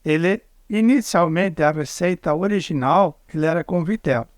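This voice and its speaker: Southern Brazilian man cooking on camera, fairly high voice, dry close sound, explains each step. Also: dry recording. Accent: southern Brazilian Portuguese. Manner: explains step by step, halting restarts. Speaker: cook. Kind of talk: cooking demonstration.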